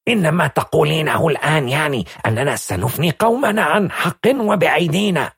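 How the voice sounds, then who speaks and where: A man voicing an agitated, scheming male intelligence officer in an audiobook, husky and indignant. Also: on the high side, expressive, a little fast, a bit bright, no room sound, clean studio sound, pitched above the performer's own voice, exaggerated voice. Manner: pleading, indignant outbursts. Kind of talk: audiobook character voice.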